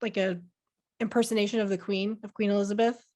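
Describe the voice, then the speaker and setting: A woman's voice: medium pitch, level tone, fast, a little mellow. Rambling young woman podcast co-host. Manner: rambling, lots of fillers and restarts. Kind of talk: casual chat.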